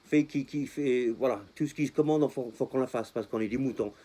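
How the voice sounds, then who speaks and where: Guy with a foreign accent in french ranting on his vlog, dark mellow voice, mixes in english. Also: medium pitch, brisk. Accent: non-native French. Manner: passionate, repetitive, mixes English words into French. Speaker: vlogger. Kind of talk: casual talk to camera.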